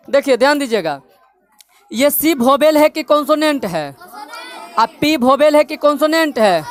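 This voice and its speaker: A woman with a Bihari Hindi accent teaching English phonics, drilling students with repeated call-and-response questions. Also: high voice. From Bihar, India. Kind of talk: classroom-style lesson.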